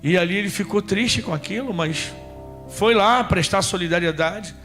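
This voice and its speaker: A man's voice: sits high, normal speed, fairly bright tone, faint music behind. A male pastor from Rio de preaching a sermon, telling stories and speaking straight to his congregation. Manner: storytelling preacher, addresses congregation directly.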